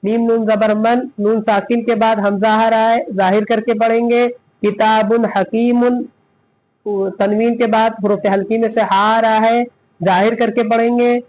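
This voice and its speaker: Slow, high-voiced male Quran teacher. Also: flat delivery, darkish tone, low-quality recording. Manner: spells out letters slowly, then asks and answers his own questions. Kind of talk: step-by-step recitation lesson.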